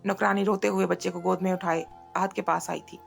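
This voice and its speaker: A woman narrating a romance novel aloud in a steady storytelling read. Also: on the low side, a little fast, gravelly, soft background music. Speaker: audiobook narrator.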